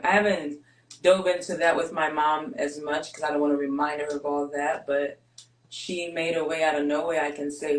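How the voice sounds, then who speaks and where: A basketball player born and raised in Greece, with Greek as her first language, tells her life story as an interview guest. She speaks candidly and steadily, measured with pauses, in a low voice. The recording is rough with a roomy sound.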